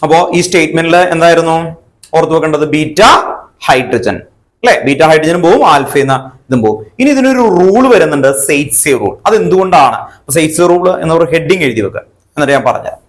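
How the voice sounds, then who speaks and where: A man teaching a chemistry lesson. He asks his students questions and then answers them himself, and he spells terms out slowly. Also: a little high, expressive. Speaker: chemistry tutor. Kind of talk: online exam-prep lesson.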